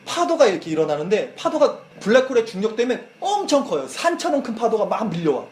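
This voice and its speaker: A man preaching a youth sermon, retelling a film as a lively story and acting out the quoted lines. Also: high voice, quick pace, slight background noise. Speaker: youth pastor. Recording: echoey church hall.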